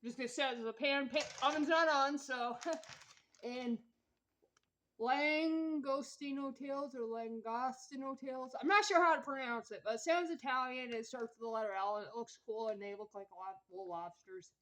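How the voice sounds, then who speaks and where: Woman filming herself cooking at home, kinda high voice, rambles and laughs a lot. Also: brisk, fairly bright tone, rough recording. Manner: chatty, rambling, laughs often between remarks. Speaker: vlogger. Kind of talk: casual cooking vlog. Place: home kitchen.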